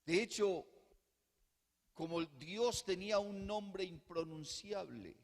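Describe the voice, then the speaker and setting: Male pastor, fervent sermon delivery, slightly high voice, slow deliberate pacing, long hall echo. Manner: swings from soft hushed passages to loud fervent preaching; rhetorical repetition and calls of "hermano".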